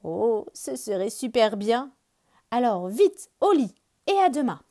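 A big gentle bear, put on by a woman reading a storybook, fretting over danger and soothing his friends. His voice is raised above plain talk and moves in lively swells. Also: high voice, very slow, voice pushed up, heavily acted. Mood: cautious fretful. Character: big gentle cautious male bear, fretful.

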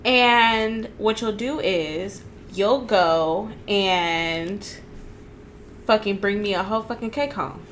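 A woman's voice: medium pitch, slow pace, fairly bright tone, slight background noise. A woman co-hosting a casual podcast chat, talking bluntly and ranting with laughter. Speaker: podcast co-host.

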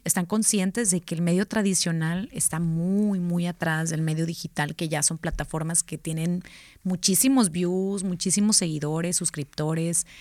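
A woman, a TV news anchor, talking as a guest in a casual interview, lively and quick to laugh. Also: on the low side, no echo, studio quality. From Mexico. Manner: lively, laughs often, animated asides.

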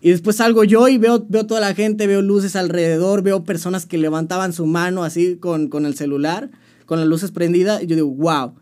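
A man's voice: high voice, steady tone, brisk, darkish tone. A young man with a Mexican accent, chatting casually in an interview and telling his story with slang and frequent restarts. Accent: Mexican Spanish. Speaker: musician guest.

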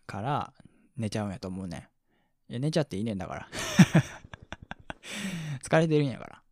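Hosting a laid-back late-night sleep radio show, a man with a Kansai accent reads listener comments briskly in a fairly low, soft voice. He mumbles with a slight slur, chuckles quietly, and fades into near-whispers, with clean studio sound and no echo.

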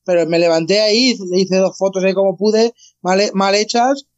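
A man in casual podcast chat, halting and repeating his words. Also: high-pitched, steady tone. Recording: dull lo-fi sound.

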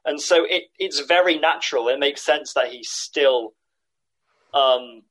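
A man's voice: on the high side, a little slow, a bit bright, low-quality recording. A man co-hosting a podcast, talking thoughtfully with plenty of "like" and "um". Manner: thoughtful, lots of "like" and "um". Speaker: podcast co-host. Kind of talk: casual chat.

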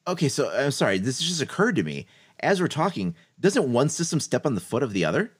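A man's voice: mid-range voice, big pitch swings, fairly quick, slightly rough. A man co-hosting a casual gaming podcast, talking things through with hedges and frequent laughs. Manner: thoughtful, hedging, laughs often.

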